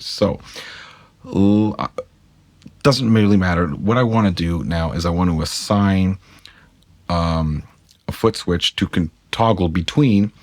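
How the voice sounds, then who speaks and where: A man's voice: low voice, dry recording. A man giving a casual step-by-step tutorial, chatty and self-correcting, speaking straight to his viewers. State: talking with a pick in his mouth. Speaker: guitar gear tutorial maker. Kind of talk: casual screen-capture tutorial.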